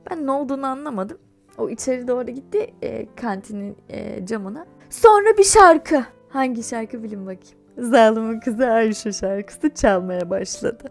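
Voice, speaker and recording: Young woman, high-pitched, chatty storytelling vlog, laughs often, light music underneath. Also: normal speed, creaky. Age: young adult. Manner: chatty, animated, laughs while telling. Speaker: YouTuber.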